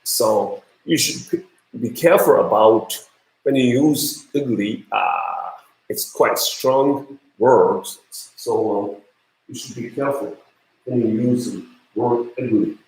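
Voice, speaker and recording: Slow, halting man with a Japanese accent. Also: mid-range voice, gravelly, darkish tone, echoey room, rough recording. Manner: hesitant, many fillers and restarts. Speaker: university lecturer. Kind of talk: online lecture.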